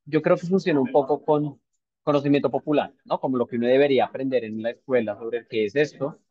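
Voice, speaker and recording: A man's voice: medium pitch, fairly even intonation, fast. A man presenting a novel to a book club in a thoughtful, hesitant way, with many fillers and tag questions. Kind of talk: informal book discussion talk. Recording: dull lo-fi sound.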